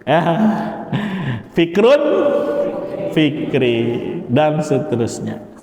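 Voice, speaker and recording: A high-pitched man gives an unhurried classroom lecture on grammar. He chants word patterns in a sing-song way and keeps asking his listeners questions. His voice rings through a large mosque hall with a long echo. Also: big pitch swings, darkish tone. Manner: chants verb patterns in a sing-song rhythm, quizzes the audience. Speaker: Arabic grammar teacher. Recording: echoey reverberant mosque hall.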